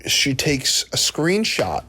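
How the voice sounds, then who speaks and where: A New Jersey man in his twenties hosts a podcast, telling a comic story with animated energy and acting out the voices of the people in it. His voice sits on the high side, slightly rough, at a measured pace.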